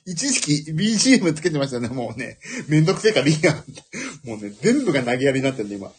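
Man, solo talk host, very husky, animated pitch, rambling, self-amused. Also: rapid-fire. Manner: rambling and self-amused, laughing at his own jokes. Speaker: podcast host. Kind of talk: casual solo chat.

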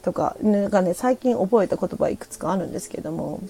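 A woman's voice: lowish voice, animated, gravelly, dark tone, slight background noise. A middle-aged woman from Japan hosting a casual solo radio chat, hesitant and laughing, reading listener comments. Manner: chatty, laughing, hesitant, switching between Japanese and halting English. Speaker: podcast host. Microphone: phone or desk mic on a streaming app.

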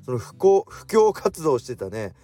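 A man in his forties hosting a casual solo radio talk, drifting faster as he goes and correcting himself mid-phrase. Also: mid-range voice, sing-song, warm tone. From Japan. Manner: speeds up as he talks, with self-corrections. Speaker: radio show host.

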